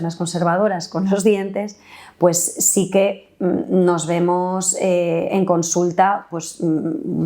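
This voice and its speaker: Woman, dentist guest, lowish voice, chatty explanations with tag questions. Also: warm tone. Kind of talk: conversational interview explanation.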